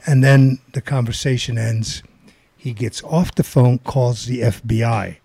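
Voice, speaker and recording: An older man spins a loose, rambling story in a gravelly, husky voice. His tone is dark and mellow, and the recording is dry and close, with no room sound. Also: medium pitch, steady tone, measured pace, dry recording. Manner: rambling, filler-heavy storytelling. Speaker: guest storyteller. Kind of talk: casual anecdote.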